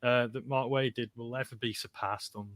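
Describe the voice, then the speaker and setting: A man's voice: medium pitch, steady tone, normal speed, fairly bright tone, no room sound. A man co-hosting a casual podcast chat about comics, talking enthusiastically and laughing often. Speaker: podcast co-host.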